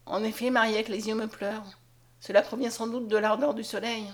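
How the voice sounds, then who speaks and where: Gentle blind young guy, woman reading him, soft tender voice, storybook. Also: on the high side, steady tone, fairly quick, natural voice. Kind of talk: audiobook character voice.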